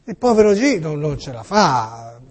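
A man's voice: a little high, sing-song, a little slow, a little mellow, husky, in a large hall. A middle-aged male radio and TV host in a casual, joking monologue, teasing and playful, full of small fillers and restarts.

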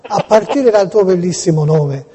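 A man with a Tuscan accent making a prank phone call, gushing with theatrical, insistent flattery. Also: high voice, normal speed, a loud crowd. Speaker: prank caller.

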